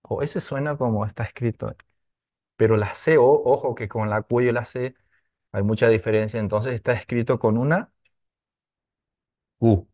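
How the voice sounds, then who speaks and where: A man teaching a language class, going slowly and checking often that his students follow. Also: mid-range voice, steady tone, a little mellow. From Argentina. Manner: slow, repetitive, with frequent tag questions.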